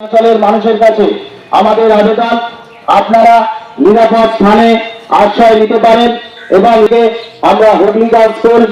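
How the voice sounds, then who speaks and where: A high-voiced man calls out a civic warning through a megaphone in a steady, level tone. His carries over formal, repeated appeals. The sound rings with echo from the open street. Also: normal speed, pauses often, lo-fi sound. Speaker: municipal announcer. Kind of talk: public warning announcement.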